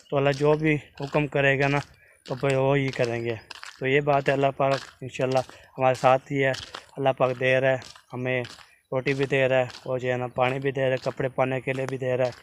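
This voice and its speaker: Slow, deliberate man vlogging outdoors. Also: mid-range voice, slight background noise. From Pakistan. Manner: speaks slowly and deliberately, says his tongue slips; many repeated fillers and pious phrases. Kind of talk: casual walking vlog. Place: outdoors, walking along a village road.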